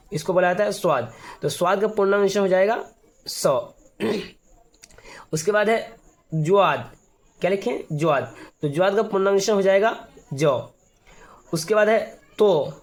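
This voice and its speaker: Patient high-voiced man teaching the alphabet. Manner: patient and repetitive, often clears his throat. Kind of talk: step-by-step alphabet lesson.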